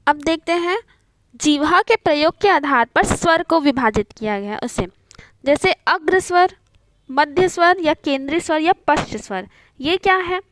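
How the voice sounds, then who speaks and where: A young woman with a high voice teaches an online Hindi grammar lesson, and the recording is close and dry. She explains patiently, often checking in with her listeners, and mixes English words into her Hindi. Her delivery is steady and repetitive, as in a classroom. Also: moderate pace, dry recording. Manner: patient, repeats points with frequent "theek hai" checks.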